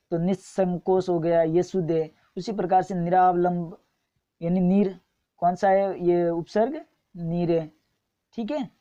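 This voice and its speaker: A woman's voice: on the low side, warm tone, lo-fi sound. A woman teaching a spelling lesson for exam students, patiently repeating each wrong and right form. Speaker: Hindi grammar teacher.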